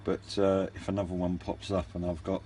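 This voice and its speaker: A hobbyist radio reviewer who hosts his own channel talks through a casual review in a deep, mellow voice, keeping a level tone at a fairly quick pace. He sounds unscripted and understated, hesitating and rambling as he explains. A faint layer of noise sits behind him.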